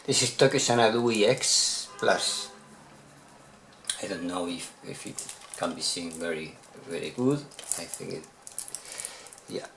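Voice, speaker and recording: A Spanish-accented man from Spain, a Spanish speaker using English, shows off his newest video game purchases in a casual unboxing vlog as a collector. He often halts and repeats words while searching for them, his low-pitched, fairly bright voice carrying vocal fry, with slight background noise.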